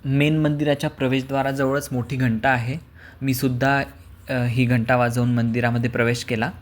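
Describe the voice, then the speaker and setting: A man narrating his travel vlog as a calm, even tour guide, with occasional hesitant fillers. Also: mid-range voice, moderate pace, music in the background. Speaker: vlogger.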